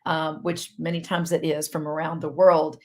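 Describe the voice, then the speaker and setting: A woman's voice: low voice, little pitch movement, moderate pace, a little mellow. A middle-aged woman physician with a Southern US accent, hosting a live online health session in a chatty, rambling way. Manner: chatty, rambling, laughs easily. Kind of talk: casual live-stream chat.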